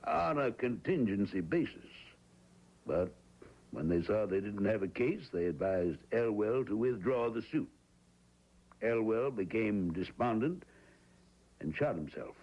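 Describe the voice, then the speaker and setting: A dull lo-fi old radio recording captures an actor voicing a hesitant, evasive small-town man who uneasily explains a business deal, peppering it with "well" and "uh." His low-leaning voice is expressive and measured, broken by long pauses.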